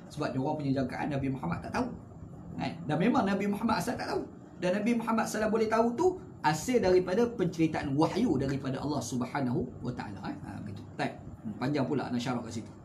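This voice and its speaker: Give me a fairly high-voiced man with a Malaysian accent, teaching scripture in a lively, conversational way. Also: a little hiss or hum. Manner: conversational, with rhetorical tag questions; animated swings in pitch and loudness. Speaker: religious teacher. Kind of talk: Quran commentary lecture.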